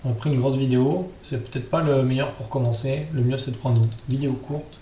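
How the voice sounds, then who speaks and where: A man with a mellow, mid-range voice and a steady tone speaks briskly while hosting a casual screen tutorial. He improvises and thinks aloud, using frequent tag questions, in a room with echo and faint background noise.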